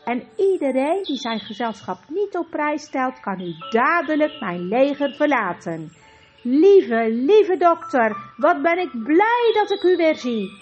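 A woman's voice: sits high, animated, unhurried, hardly any pauses. A woman voicing an eager, slightly nervous young boy king in an audiobook. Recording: dull lo-fi with faint music.

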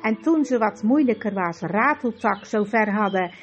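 A woman reading a children's fantasy story aloud in steady storybook narration. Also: medium pitch, normal speed. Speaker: audiobook narrator. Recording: dull lo-fi with faint music.

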